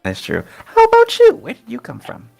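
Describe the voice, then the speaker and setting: Dude voicing a little wizard girl, quirky, gravelly and swoopy. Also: wildly swooping pitch, fairly quick, a little mellow, faint music behind, exaggerated voice. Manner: jumpy, swooping pitch. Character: tiny quirky young female wizard.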